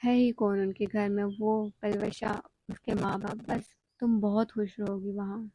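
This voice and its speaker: A woman voicing a worried, gentle middle-aged mother who coaxes her daughter slowly. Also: mid-range voice, level tone, a little hiss or hum, lightly acted. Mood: coaxing.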